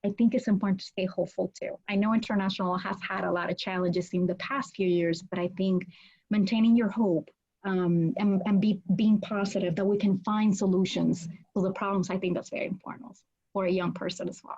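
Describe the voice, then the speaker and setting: Speaking fairly quickly in a husky, mid-pitched voice, the Puerto Rican law school dean, a native Spanish speaker, is an animated, earnest guest on a video call. Bookshelves fill her home office, she gestures freely as she talks, and the webcam picks her up with dull lo-fi sound.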